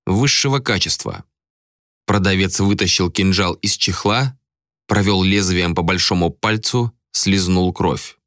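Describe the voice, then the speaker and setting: A man's voice: low-pitched, flat delivery, measured pace, a bit bright, dry recording, clean studio sound. A man narrating an audiobook with dramatic storytelling.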